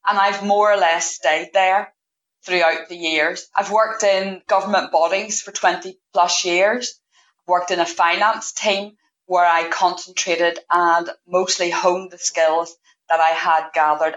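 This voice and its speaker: Female podcast guest, fifty, lowish voice, roomy and slightly muffled recording. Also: flat delivery, a little slow, a bit bright. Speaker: podcast guest, payroll manager. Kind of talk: interview answers. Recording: echoey room, dull lo-fi sound.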